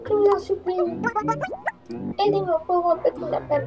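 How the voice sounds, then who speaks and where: A worried mother from a cheerful fantasy game pleads for help in a very high, fretful voice, as a woman puts her on. Soft game music plays behind. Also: steady tone, unhurried. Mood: fretful pleading.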